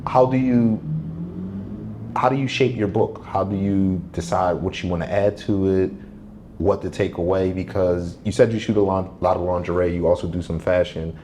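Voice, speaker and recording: Casting: man, slightly deep voice, conversational interviewer who probes and rephrases, light ambient noise behind. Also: steady tone, moderate pace, a little mellow. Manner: probing, rephrases questions with options.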